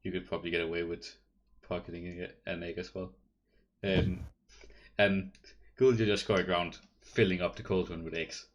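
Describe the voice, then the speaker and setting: Deep-voiced man as game master. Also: little pitch movement, normal speed. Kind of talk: running a tabletop game.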